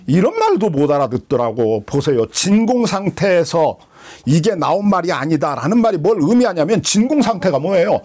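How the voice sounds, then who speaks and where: A husky man, a pastor teaching the Bible in a sermon, who asks rhetorical questions and answers them himself. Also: a little high, very animated, moderate pace, a little mellow.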